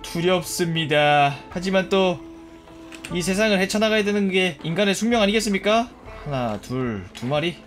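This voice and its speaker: A man casually commenting on his own gameplay, jokey and animated, swearing and yelping at enemies. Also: high-pitched, moderate pace, music in the background. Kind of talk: casual let's-play commentary.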